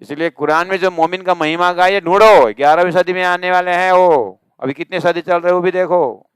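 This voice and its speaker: A male religious teacher giving a scripture discourse, chanting verses slowly and explaining them with emphatic, rising questions. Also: sits high, fairly even intonation, clean tone, dry recording, clean studio sound.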